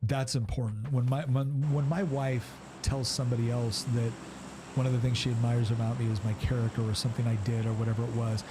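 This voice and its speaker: A man's voice: medium pitch, level tone, brisk, noisy background. A middle-aged man giving marriage advice in a casual podcast chat, earnest and rambling with many restarts.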